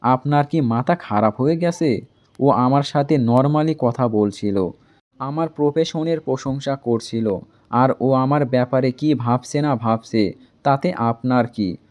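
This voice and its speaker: A man voicing a defiant, sharp-tongued young woman who answers back indignantly. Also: medium pitch, a little slow, lightly acted. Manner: indignant, retorting.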